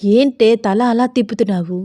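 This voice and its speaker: A woman's voice: fairly high pitch, normal speed, dark tone, no room sound, close to an everyday voice. A woman voicing a teasing, eager young husband who scolds playfully.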